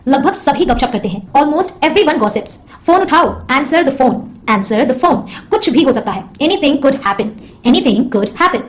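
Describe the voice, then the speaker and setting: A woman teaching phrases, saying each one slowly twice and explaining quickly in Hindi. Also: high voice, animated. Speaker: English teacher. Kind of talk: bilingual language lesson.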